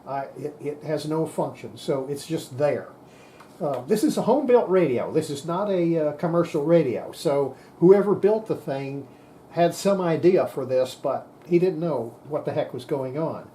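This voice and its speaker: Demonstrating radio gear, a man talks through the technical details informally and folksily, reasoning aloud as he goes. His mellow voice sits on the high side with lively intonation at a moderate pace, and there's slight background noise.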